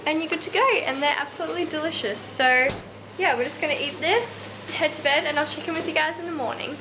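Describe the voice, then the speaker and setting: A woman's voice: high voice, steady tone, fast talker, noisy background. A young woman with a New Zealand accent, chatting casually to her camera in her home kitchen, upbeat and rambling with lots of "like". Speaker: fitness vlogger. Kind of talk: casual vlog chat.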